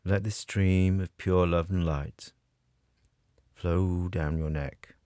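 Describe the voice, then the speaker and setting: A man guiding a scripted meditation in a soothing, measured way with long pauses. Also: low voice, fairly even intonation, mellow, no echo, studio quality. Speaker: meditation guide. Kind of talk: guided meditation narration, scripted.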